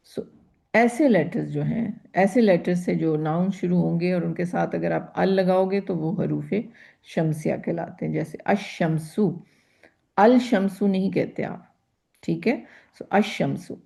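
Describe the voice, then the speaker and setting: Slow, gravelly-voiced woman teacher. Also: on the low side, mellow. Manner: patient, repeats terms and asks rhetorical questions. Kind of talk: grammar lecture.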